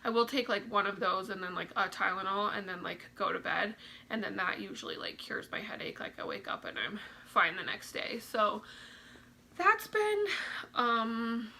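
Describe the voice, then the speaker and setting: A woman's voice: mid-range voice, expressive, normal speed, creaky, pushed and bright, a little hiss or hum, low-quality recording. A young woman chatting casually in a vlog, a little out of breath, with lots of "like" and "um" fillers. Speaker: vlogger. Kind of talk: casual pregnancy update vlog.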